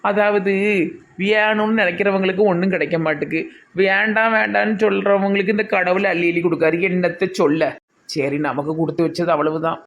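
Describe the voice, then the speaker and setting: High-voiced, whining village man always angling for money, with a Tirunelveli accent, played by a man. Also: fairly even intonation, fairly quick, a bit bright, muffled recording, a little hiss or hum. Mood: grumbling. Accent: Tirunelveli Tamil. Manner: sly, whining, grumbling to himself. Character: greedy, scheming young village man.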